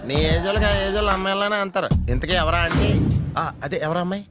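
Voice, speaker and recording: A man's voice: sits high, close to an everyday voice. A man playing a cheeky young nephew who cracks jokes in a film comedy scene. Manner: rapid joking banter. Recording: film audio with loud background music.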